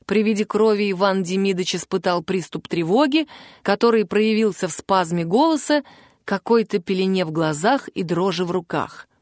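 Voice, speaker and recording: A woman narrating an audiobook in an even, clear storytelling manner on a close mic. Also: mid-range voice, normal speed, no echo.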